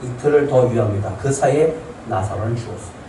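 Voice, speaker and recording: A male pastor preaching a Sunday sermon, telling stories and acting out people's complaints with animated shifts in voice. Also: mid-range voice, brisk, reverberant, distant mic, a little hiss or hum, poor audio. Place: church sanctuary.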